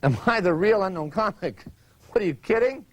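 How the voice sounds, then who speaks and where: A comedian in a comic interview, rambling in a paranoid, defensive way. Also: male voice, high-pitched, expressive, brisk.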